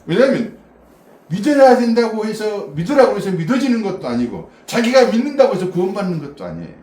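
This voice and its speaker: A fast-talking pastor with a high, very animated, slightly mellow voice gives an informal sermon to a small congregation. He questions listeners, chats and laughs often, recorded at a distance in a small church room with roomy echo and faint background noise.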